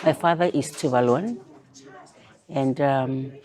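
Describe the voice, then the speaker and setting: An older woman from Kiribati who grew up in Fiji, speaking as an interview guest about her activism, thoughtful and pausing often to restart her sentences. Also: extremely low pitch, a little mellow. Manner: thoughtful, with many pauses and restarts. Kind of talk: conversational interview.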